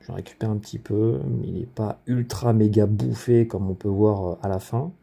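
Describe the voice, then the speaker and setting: A man with a somewhat low, gravelly voice talks through his rifle in a loose, off-the-cuff video commentary. His tone is very dark and mellow, and he keeps restarting his sentences with fillers. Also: fairly even intonation, normal speed. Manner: rambling, many fillers and self-corrections. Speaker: gun collector presenting his rifle.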